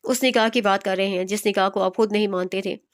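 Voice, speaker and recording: A woman's voice: mid-range voice, steady tone, fast, natural voice. A woman voicing a defiant young heroine who mocks the man courting her. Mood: taunting. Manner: taunting, sharp.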